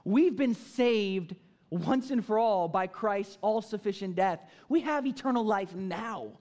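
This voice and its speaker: A man's voice: high voice, expressive, unhurried, darkish tone. A man preaching a sermon, explaining terms plainly and acting out quoted voices as he builds in intensity. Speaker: pastor. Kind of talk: sermon teaching.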